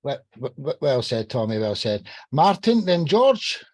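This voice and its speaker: Lively-voiced podcast host man. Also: medium pitch, unhurried, dry recording. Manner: repeats "well said", calls on guests by name. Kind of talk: hosting a video-call podcast.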